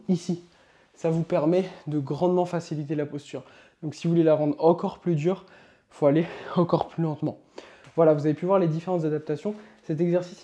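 A man's voice: a little high, mellow. Upbeat man coaching yoga. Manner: upbeat, coaching, counts slowly while demonstrating. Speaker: yoga instructor. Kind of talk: instructional demonstration.

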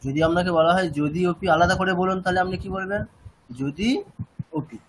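A man's voice: high voice, steady tone, quick pace, a little hiss or hum, low-quality recording. A man with a West Bengal Bengali accent teaching Sanskrit chanting, asking rhetorical questions and repeating his points. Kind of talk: explaining lesson to students.

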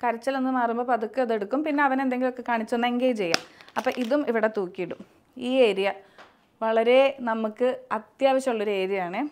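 A woman's voice: fairly high pitch, fairly even intonation, quick pace, darkish tone, a little hiss or hum. A young woman, a mother chatting casually as she demonstrates her baby setup at home for a vlog. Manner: chatty, coaxing a crying baby in sing-song. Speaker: vlogger, mother. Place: home nursery indoors. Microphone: camera operated by someone else.

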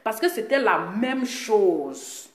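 A woman's voice: mid-range voice, sing-song, takes it slowly. A woman giving a ranting live commentary indoors, scolding and firing off repeated rhetorical questions. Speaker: online commentator. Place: indoors in a residence. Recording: echoey room.

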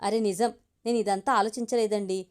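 A woman narrating and voicing a tactful, witty wife in an audio story, soft and persuasive in her speech. Her pitch stays in the everyday middle range. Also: fairly even intonation, moderate pace, clean tone, close to an everyday voice. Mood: gentle.

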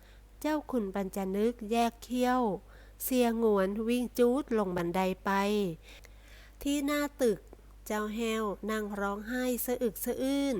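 A woman reading a comic novel aloud in a steady, even storytelling voice. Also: fairly high pitch, unhurried. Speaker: story reader. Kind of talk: read-aloud novel narration.

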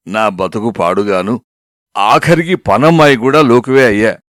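A man's voice: fairly high pitch, no room sound, clean studio sound, close to an everyday voice. A man voicing a sick, grumbling middle-aged husband who whines and complains. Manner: whining, complaining.

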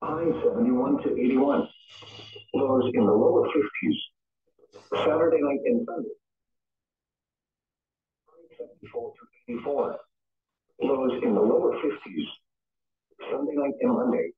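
This is a synthesized male voice, a little high and with vocal fry, reading a scripted weather forecast in a formal, impersonal, clipped style. It plays over a weather radio in a room at home. The sound is tinny and band-limited, picked up from across the room, far from the mic.

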